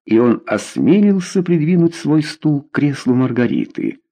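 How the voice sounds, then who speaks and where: A man narrating a historical novel aloud, with expressive, theatrical reading. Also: fairly high pitch, normal speed.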